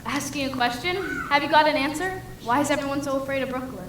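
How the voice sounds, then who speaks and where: A young woman on a school stage playing an ambitious young reporter who talks briskly and persuasively. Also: high voice, lightly acted. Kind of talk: school stage musical acting. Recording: echoey hall, faint noise.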